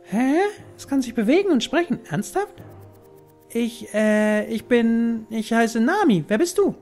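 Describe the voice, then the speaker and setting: A man plays a young girl from a video game in a very high voice. The girl is timid and astonished, with hesitant, wide-eyed phrasing. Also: lively intonation, unhurried, darkish tone, soft background music, exaggerated voice. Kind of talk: acted video game dialogue read aloud.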